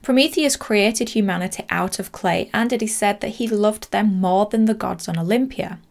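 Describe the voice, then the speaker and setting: A woman in her thirties, hosting a horror channel, narrating a true story in a measured, dramatic way with casual asides from a small home studio. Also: medium pitch, creaky. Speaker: horror podcast host.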